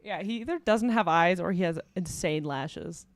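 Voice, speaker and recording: A woman's voice: fairly low pitch, normal speed, no room sound. A young woman streamer joking through casual let's-play commentary and reading game lines aloud.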